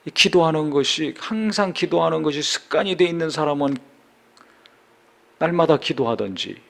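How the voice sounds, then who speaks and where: Gravelly-voiced male pastor preaching. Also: fairly high pitch, expressive, moderate pace, a bit bright. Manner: reads scripture aloud, then preaches with rhetorical questions. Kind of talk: sermon.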